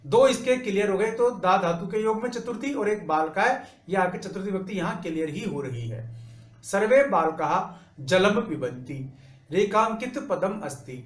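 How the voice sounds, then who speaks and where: A man teaching an exam-prep lesson, working through each answer step by step and reciting grammar rules slowly. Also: sits high, animated, roomy sound.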